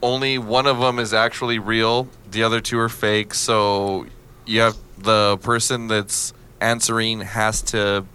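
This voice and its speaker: Bright, smooth-voiced male podcast host. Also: lowish voice, level tone, a little slow. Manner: teasing, runs a guessing game. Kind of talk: casual group chat.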